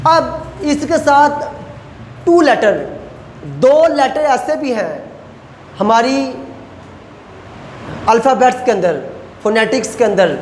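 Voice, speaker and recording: Male teacher, recorded lecture, patient and repetitive, echoey room with long reverb, faint background hiss. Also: very high-pitched. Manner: explains slowly, repeating each point and modeling pronunciations. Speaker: language teacher.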